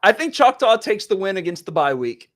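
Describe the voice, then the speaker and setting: A man, co-hosting a casual high school football talk show in an excitable, folksy, joking manner. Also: brisk. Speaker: podcast co-host.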